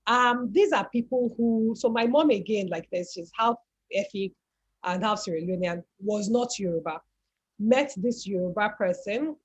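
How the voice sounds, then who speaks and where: A woman with a Nigerian accent, whose voice is mid-range and slightly rough, speaks at a moderate pace as a guest on an online talk. She reflects on her family's story, often repeating words while she searches for the right ones, over dull lo-fi call audio.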